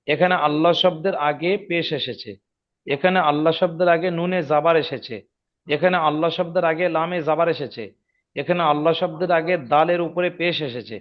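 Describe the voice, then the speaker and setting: Patient male recitation teacher, lo-fi sound. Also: on the high side. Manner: patient, repeats rules and asks "okay?"; slows down and drawls when demonstrating recitation. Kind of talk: online tajweed lesson. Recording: dull lo-fi audio.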